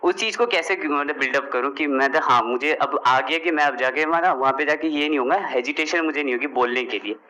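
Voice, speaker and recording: A young male student asks a question from the audience. His tone is bright and forceful, but his delivery is halting and hesitant. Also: fairly high pitch. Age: young adult. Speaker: audience member and medical exam student.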